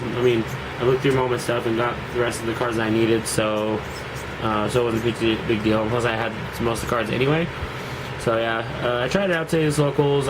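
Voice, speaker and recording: This casual deck profile vlog features a congested young man from around Seattle whose cold makes him sound nasal. He wanders through his card deck review with plenty of fillers and false starts, in a mid-range voice against a noisy background.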